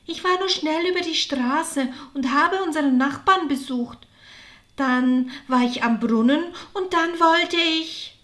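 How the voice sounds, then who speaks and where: A woman voicing Maria, a gentle, devout village woman, speaking softly in a storybook reading. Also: high voice, a little slow, voice pushed up. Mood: chatty. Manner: soft, wondering.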